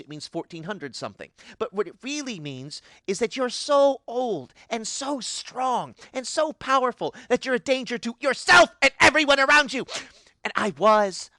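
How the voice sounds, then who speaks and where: A tabletop game player voicing a gleeful, unhinged ancient pixie who became a god, cackling and swinging wildly between highs and lows. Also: bright, forceful tone, no room sound.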